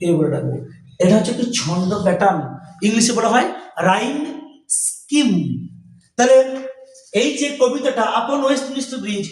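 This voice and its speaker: A man's voice: extremely high pitch, expressive, normal speed, pauses often, reverberant, recorded from a distance, rough recording. A male teacher giving a classroom lesson with a Bengali accent, asking questions and then answering them himself. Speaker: English teacher. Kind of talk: classroom lesson explaining rhyme scheme.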